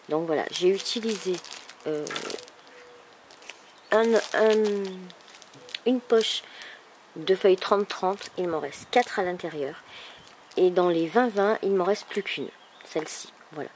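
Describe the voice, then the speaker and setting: A woman with a thick, swollen-tonsils sore-throat voice, speaking softly and casually as she presents a craft project. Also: fairly low pitch. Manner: soft-spoken, holding back volume. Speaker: craft video maker presenting an album. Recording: clearly noisy background ambience.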